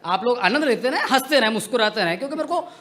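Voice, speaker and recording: A young man with a high, bright, punchy voice performs comic poetry from a stage microphone. He jokes and teases the crowd playfully, like a seasoned stand-up poet. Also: lively intonation, very fast. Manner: joking, playful, teasing audience. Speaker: comedic poet. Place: outdoor stage tent at a poetry gathering.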